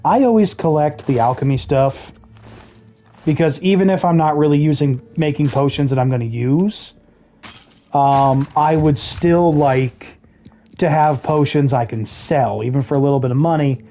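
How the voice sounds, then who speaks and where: Streamer talking thru a game, kinda mellow voice, jokes at the npcs, clearing throat now and then, soft music behind. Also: medium pitch, moderate pace. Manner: chatty, explains game mechanics with dry jokey asides. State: throat trouble, occasional coughing. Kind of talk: casual gameplay commentary.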